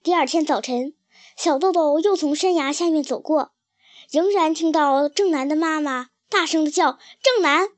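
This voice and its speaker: A woman reads a children's story aloud in a calm, careful way, keeping an even, unhurried delivery. Her voice is high, and the recording is close and dry with no room echo. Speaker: narrator. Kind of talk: storybook reading.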